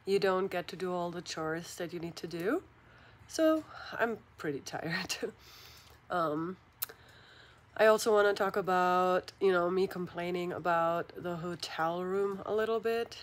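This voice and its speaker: Chatty woman vlogging on a phone. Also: fairly low pitch. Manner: chatty, mildly complaining, laughs often. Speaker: thru-hiking vlogger. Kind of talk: casual vlog talk to camera. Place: small wood-paneled motel room, indoors. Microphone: phone camera at arm's length.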